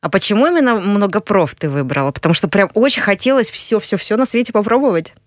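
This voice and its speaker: A woman's voice: mid-range voice, expressive, quick pace, dry recording, studio quality. A woman interviewing a young guest, asking supportive, encouraging questions.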